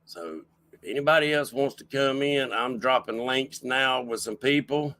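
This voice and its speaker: A man's voice: mid-range voice, normal speed, bright, forceful tone. A man hosting a casual livestream chat show, folksy and rambling as he welcomes people in. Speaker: show host.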